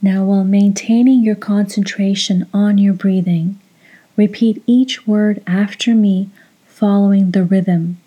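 Very mellow, breathy woman guiding meditation. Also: mid-range voice, rough recording. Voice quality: soft, breathy. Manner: measured, instructive, with long pauses. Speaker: meditation guide. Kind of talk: slow guided meditation with recitation.

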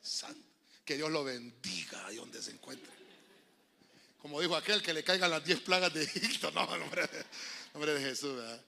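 Middle-aged honduran pastor, high lively voice, gravelly, joking storyteller sermon. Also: male voice, moderate pace, a little hiss or hum. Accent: Honduran Spanish.

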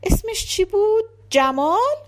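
A woman's voice: very high voice, sing-song, voice pushed up. A woman voicing a chatty, teasing woman tailor in an audiobook story, playful and gossipy.

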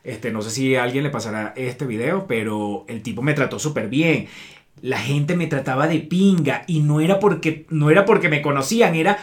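A man's voice: medium pitch, moderate pace. Venezuelan man telling stories casually. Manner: slangy, storytelling, colloquial swearing. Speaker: podcast co-host. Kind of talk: casual chat.

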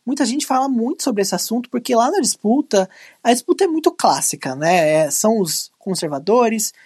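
Husky-voiced Brazilian woman co-host. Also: fairly high pitch, big pitch swings, moderate pace, a little mellow, dry recording, clean studio sound. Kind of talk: casual news commentary.

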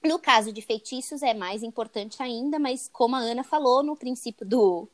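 Speaking at a normal speed in a slightly high voice, a young podcast co-host from Brazil chats her way through a book chapter's retelling. She has a Brazilian Portuguese accent, ends many sentences with "né?", and the recording has no echo.

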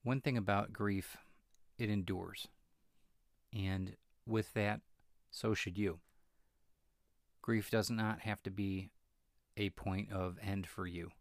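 A middle-aged man with a very low voice talks through a reflective solo podcast. He speaks in a flat, even tone and often pauses with fillers and restarts. The sound is dry and close. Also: no echo. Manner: halting, with many fillers and restarts. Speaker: podcast host.

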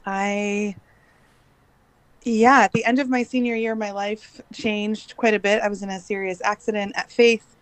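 A woman in her late thirties who grew up in Bangladesh guests on a podcast, speaking at medium pitch with fairly even intonation and a slightly slow pace. Her tone is clean on a dry, rough recording. The casual interview chat is full of laughs and hesitant fillers.

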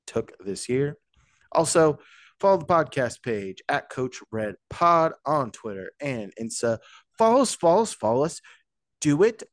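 A man hosting a casual sports podcast, talking in an animated, joking way with rambling asides. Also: on the low side, no room sound. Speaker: podcast host.

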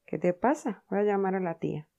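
A woman's voice: medium pitch, expressive, a little fast, creaky, dark tone, muffled recording. A woman voicing an anxious young boy worried about his brother, calling out urgently.

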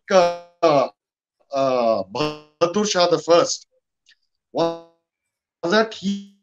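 High-pitched Indian man in discussion. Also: dull audio. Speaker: guest commentator. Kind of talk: conversational history and politics discussion.

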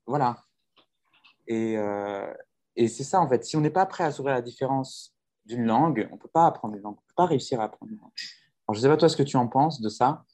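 A man's voice: medium pitch, lively intonation, brisk, darkish tone. A man who teaches languages, talking earnestly in a casual conversation, with many restarts and fillers. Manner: earnest, reflective.

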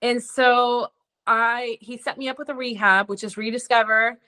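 A woman talking as a podcast guest, frank and chatty as she tells her own story, her speech full of "like" and quick bits of quoted dialogue. Her voice sits a little high and rings bright and forceful. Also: fairly even intonation. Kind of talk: candid personal storytelling.

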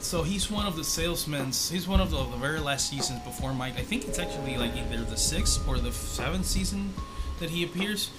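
Slangy man rambling over loud music. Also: a little high, expressive, fairly quick. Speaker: podcast co-host. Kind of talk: casual film and TV chat with profanity. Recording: loud music behind the talk.

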